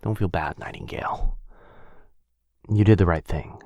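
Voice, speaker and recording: A male actor, lightly performing, voices a protective, brooding vampire lord in intimate boyfriend-style ASMR fantasy roleplay, a one-sided conversation. His low, gravelly voice is hushed, measured and halting, often sinking to a breathy murmur, with a somber, apologetic mood. The close-mic recording is dry, with no room sound and the highs cut off.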